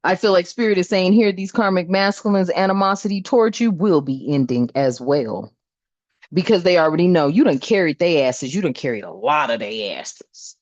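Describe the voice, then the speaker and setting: A woman's voice: lowish voice, animated, normal speed, a little mellow, dry recording. A woman giving a casual spiritual tarot reading, talking bluntly and emphatically and swearing often. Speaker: tarot reader. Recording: dull lo-fi dry sound.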